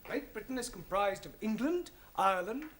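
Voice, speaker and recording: An actor playing a brisk, put-upon man English teacher in a 1970s sitcom. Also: high voice, lively intonation, fairly bright tone. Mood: exasperated. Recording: hissy old TV broadcast.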